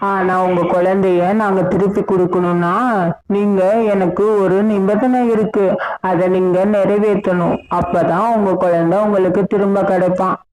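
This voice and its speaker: A woman's voice: medium pitch, level tone, moderate pace, a little mellow, close to an everyday voice, rough recording. A woman voicing a scheming, bossy female crow in a cartoon, speaking in a commanding, crafty way.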